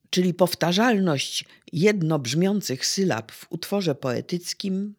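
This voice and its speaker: A teacher giving a slow, deliberate lecture on poetry, pausing with fillers and trailing into a whisper at the ends of phrases. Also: medium pitch.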